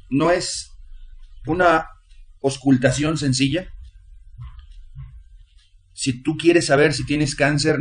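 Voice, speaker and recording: A man's voice: medium pitch, slight background noise. A man, preaching a sermon and leading prayer in an earnest, repetitive way.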